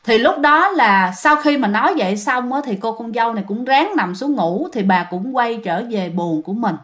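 A woman tells a ghost story in a high voice. She talks in a chatty way and often addresses her listeners directly. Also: lively intonation, normal speed, fairly bright tone.

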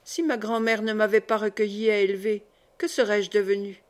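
A woman reading the part of an earnest young male worker in love, speaking tenderly and gravely in an audiobook. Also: mid-range voice, level tone, moderate pace, close to an everyday voice.

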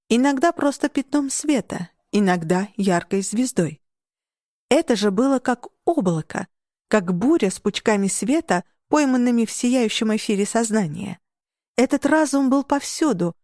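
A woman giving a steady, measured first-person audiobook narration. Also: fairly high pitch, no room sound, clean studio sound.

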